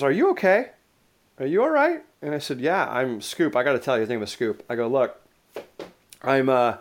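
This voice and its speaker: A middle-aged man being interviewed who talks loosely, with frequent restarts and lively anecdotes. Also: mid-range voice. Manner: rambling, restarts often, lively storytelling. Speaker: interview guest. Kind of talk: casual conversational interview.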